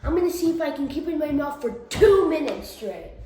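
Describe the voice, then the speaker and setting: High-pitched female vlogger in an echoey room. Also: expressive, fairly quick, mellow. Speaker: amateur vlogger. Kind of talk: casual challenge vlog to viewers. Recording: echoey room, faint background noise.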